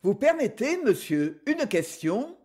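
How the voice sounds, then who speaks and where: Woman as flustered apologetic young man, breathy, slow, audiobook. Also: mid-range voice, big pitch swings, warm tone, full character voice. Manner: hesitant, apologetic.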